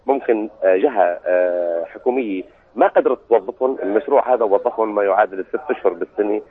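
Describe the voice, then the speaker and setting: A man's voice: on the low side, quick pace. A man from southern Syria with a Syrian Arabic accent answering in a live radio interview over a muffled line. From Sweida, Syria. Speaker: food producer being interviewed.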